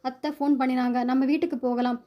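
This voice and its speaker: A woman's voice: sits high, steady tone, a little fast, highs cut off, natural voice. A woman reading a troubled, guilt-ridden young bride. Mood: earnest. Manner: earnest, apologetic. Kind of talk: storybook reading.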